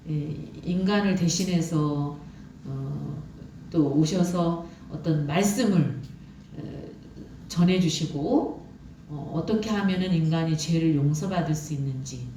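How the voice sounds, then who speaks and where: A woman preaching a sermon, chatty and loose, with many pauses and fillers as she shares her own story. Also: lowish voice, mellow. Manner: conversational, with many fillers and personal testimony. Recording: echoey room from far off, faint noise.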